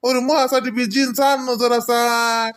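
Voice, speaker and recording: Speaking at normal speed in an extremely high, flat-pitched voice that is a bit bright, clear, and resonant, a man plays a comic cartoon's older village husband and father. He rambles in a folksy Varhadi Marathi accent from Vidarbha, amazed and playfully grumbling.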